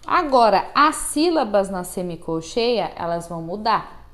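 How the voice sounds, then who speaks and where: A woman's voice: medium pitch, big pitch swings, a little slow, a bit bright. A Brazilian woman teaching music theory to students, patient and checking in often, counting and chanting rhythm syllables aloud. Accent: Brazilian Portuguese.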